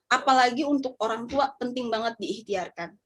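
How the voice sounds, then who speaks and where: A young woman with a notably high voice shares a heartfelt religious talk. She speaks casually, turns to her listeners with questions, and lets her emotion show, sometimes close to tears. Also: normal speed, fairly bright tone. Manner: emotional, gets choked up and apologizes; chatty, addresses listeners directly.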